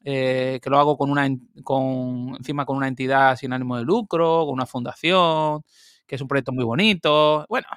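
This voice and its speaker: Man, interview guest, lively casual storytelling, dry close recording. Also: medium pitch, clean tone, dry recording. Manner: lively, animated, quick asides and laughs.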